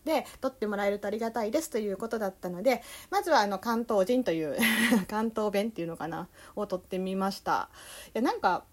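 A young woman with a Kansai accent hosting a relaxed solo talk show, meandering along with plenty of fillers. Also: medium pitch, fast talker. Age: young adult. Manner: easygoing, meandering, full of fillers. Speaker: podcast host.

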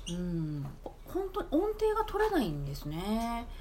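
A woman's voice: medium pitch, wildly swooping pitch, normal speed, heavy background noise. A woman talking casually on her own, chatty and laughing, with many fillers and asides. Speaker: talk app streamer. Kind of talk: casual monologue.

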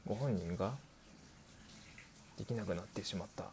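A man's voice: lowish voice, moderate pace, darkish tone, slight background noise, close to an everyday voice. A man voicing an elderly male doctor who patiently explains, dragging out his old-fashioned sentence endings. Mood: explaining. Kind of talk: scripted explainer dialogue.

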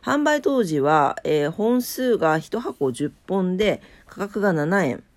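A woman's voice: fairly low pitch, expressive, takes it slowly. A woman with a nasal, stuffed-up, drowsy voice, chatting casually as she reads out a morning bulletin. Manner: drowsy, unpolished. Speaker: host of a daily morning weather and today-in-history show. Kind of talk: casual chat mixed with reading weather and trivia notes.

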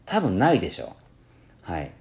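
A man's voice: a little fast, creaky. A man from Kansai with a Kansai-tinged accent mixed with standard speech, hosting a casual solo radio talk, rambling with many fillers and self-corrections. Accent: Kansai mixed with standard Japanese. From Kansai, Japan. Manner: lively rising and falling pitch. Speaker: podcast host.

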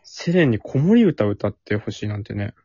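A man's voice: fairly low pitch, big pitch swings, normal speed, mellow, husky, no echo, muffled recording. A man hosting a casual chat podcast, reading listener letters aloud and teasing his co-hosts. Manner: teasing, reads letters aloud with playful emphasis.

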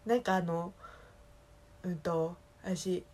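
A woman from Osaka speaking with a Kansai accent, chatting casually alone in a relaxed, rambling way that keeps correcting itself. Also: lowish voice, slow pace. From Osaka, Japan. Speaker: solo podcast talker. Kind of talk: casual solo chat.

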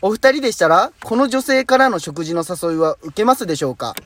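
A young man hosts a relaxed podcast. His voice is high and never broke, and his intonation rises and falls with lively animation as he chats and laughs. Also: brisk. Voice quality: high, unbroken voice. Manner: chatty, dialect-heavy, laughs often. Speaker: radio show host. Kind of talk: casual podcast chat reading listener letters.

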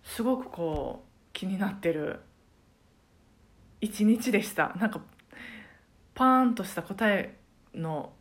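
A woman who teaches karaoke, talking alone on her podcast in a casual, thoughtful way, pausing often with soft fillers. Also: medium pitch, animated. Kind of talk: casual solo podcast talk.

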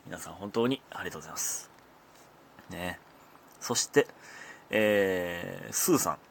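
A man's voice: sits low, animated, measured pace, slight background noise. A man with a Kansai accent hosting his own casual solo talk show, chatty and often laughing as he talks. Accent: Kansai Japanese. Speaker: comedian podcast host.

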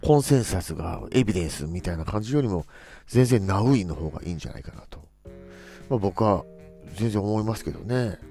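A man's voice: low-pitched, animated, brisk, dark tone, soft background music. A man hosting a casual solo talk show, musing playfully and acting out quoted phrases. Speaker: podcast host.

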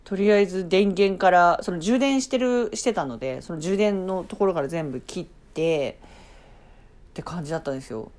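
A woman's voice: fairly low pitch, normal speed, a little mellow. A woman casually telling a story on her own as a podcast host, chatty, breaking off for playful asides and acting out sounds and reactions.

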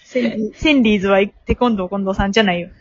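A woman's voice: medium pitch, fast talker, lo-fi sound. A woman with a Kansai Japanese accent chatting casually as a comedian co-host, bantering and echoing phrases back. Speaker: comedian co-hosting a podcast. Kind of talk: casual two-person chat.

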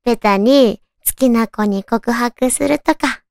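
A woman with a naturally cute, girlish anime-style voice hosts a casual solo radio chat, talking to her listeners in a cutesy, animated way. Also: fairly high pitch, takes it slowly, creaky, dry recording, studio quality. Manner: cutesy, animated, addressing listeners with soft questions. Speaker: radio show host.

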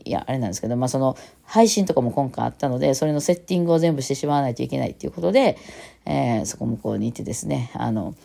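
A woman with a thick Osaka Kansai accent chats through a rambling solo talk, full of fillers and restarts. Her voice is gravelly and mellow. She talks quickly, and her pitch swings widely. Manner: rambling and chatty, with many fillers and self-corrections. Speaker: musician and podcast host.

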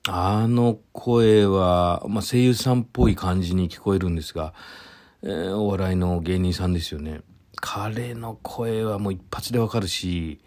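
Low-voiced middle-aged man musing alone. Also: darkish tone. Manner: unhurried and musing, many drawn-out fillers. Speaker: podcast host. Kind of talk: casual solo talk.

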